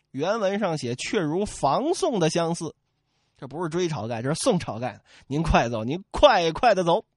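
A man retelling a classical novel as a storyteller, lively and playful, with chatty asides. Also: high-pitched, no echo, studio quality.

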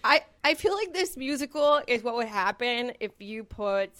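A woman's voice: a little high, lively intonation, moderate pace, a bit bright. A woman in a casual podcast chat, thoughtful and analytical, rambling through her points.

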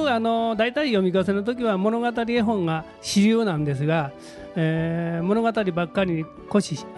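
A man with a Kansai accent, a radio guest talking about picture books in a relaxed, playful way. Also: sits high, creaky. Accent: Kansai Japanese. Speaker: reading advisor guest. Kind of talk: radio talk show chat.

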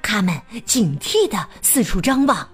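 A woman narrating a children's storybook in an expressive, animated way. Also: medium pitch, unhurried, slightly rough, soft background music.

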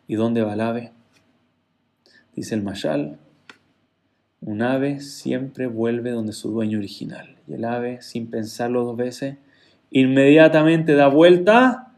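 A man telling a parable as a sermon, acting out each character with lively swings in pitch and loudness. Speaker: rabbi or teacher telling a parable. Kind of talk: animated parable storytelling.

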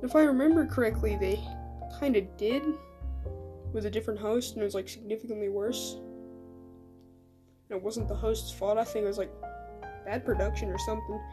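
A woman's voice: medium pitch, brisk, long pauses, music in the background. A woman talking casually and self-deprecatingly in a rambling solo podcast, recorded in a small home bathroom. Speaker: podcast host.

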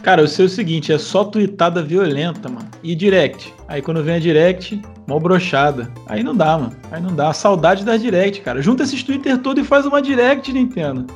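A man's voice: high-pitched, expressive, fairly quick, hardly any pauses, soft background music. A man with a Brazilian Portuguese accent, co-hosting a casual podcast with slangy, teasing talk. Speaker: podcast co-host. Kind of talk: casual chat.

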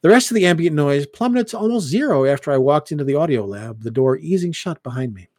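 A man narrating a first-person story as an audiobook reader, telling it expressively. His voice sits a little high and moves lively. The close studio mic gives a dry, near sound. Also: fast, no echo.

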